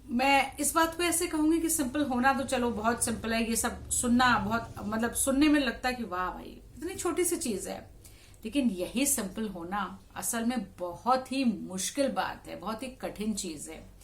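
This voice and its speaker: This radio jockey and vlogger has a slightly high, expressive voice and talks at normal speed. She explains things to her viewers conversationally, repeating key points to drive them home.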